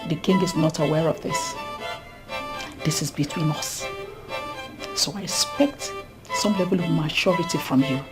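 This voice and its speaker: A woman's voice: deep voice, normal speed, pauses often, music in the background, natural voice. An actress with a Nigerian accent playing a controlling queen in a film drama. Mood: cold. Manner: firm, controlling. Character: scheming queen, firm middle-aged woman.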